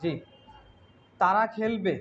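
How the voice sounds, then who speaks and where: A man's voice: sits high, a bit bright, highs cut off. Patient man teaching English. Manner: patient, checks in with "ঠিক আছে?"; slow, drawn-out English examples. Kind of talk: online class teaching.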